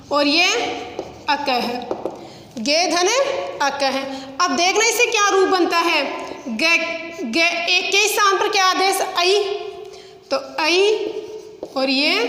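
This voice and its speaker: Slow, high-voiced woman teaching grammar. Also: bright, forceful tone, slight background noise. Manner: slow, drawn-out, repeating examples step by step. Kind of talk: online class lesson. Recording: echoey room with long reverb.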